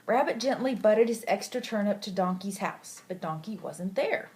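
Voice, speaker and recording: A sweet old lady, a grandmother, reading a picture book aloud gently and affectionately, with asides to a child. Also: mid-range voice, lively intonation, moderate pace. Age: older. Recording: clearly noisy home recording.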